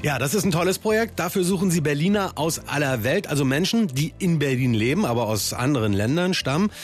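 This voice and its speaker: A man's voice: on the high side, animated, quick pace, faint music behind. A man hosting a morning radio show, interviewing a guest in the studio in an upbeat, enthusiastic way. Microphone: studio microphone.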